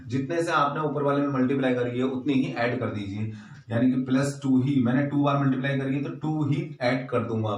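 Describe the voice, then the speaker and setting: A man's voice: mid-range voice, distant mic. A man teaching a maths exam solution, going step by step and asking rhetorical questions as he works through each sum. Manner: patient, step-by-step explaining with repeated rhetorical questions. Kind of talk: exam-paper maths lesson. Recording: roomy echo, voice off-mic.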